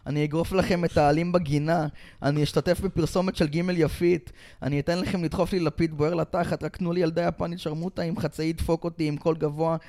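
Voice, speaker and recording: A man doing an improvised comic bit as a sleazy, desperate male TV director, talking loud and vulgar and pleading. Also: a little high, little pitch movement, hardly any pauses, close to an everyday voice. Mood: groveling.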